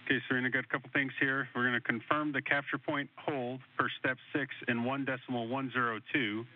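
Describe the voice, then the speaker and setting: A man at mission control giving calm, procedural instructions over a space-to-ground radio link. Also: mid-range voice, a little fast, a little hiss or hum. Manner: calm, matter-of-fact. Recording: narrow phone-like radio line.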